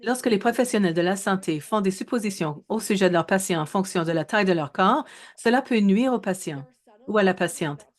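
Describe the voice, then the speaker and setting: A woman's voice: mid-range voice, expressive. Woman in her thirties, hesitant lecturer. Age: 30s. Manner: measured, with frequent hesitations and self-corrections. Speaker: researcher presenting a webinar. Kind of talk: webinar presentation.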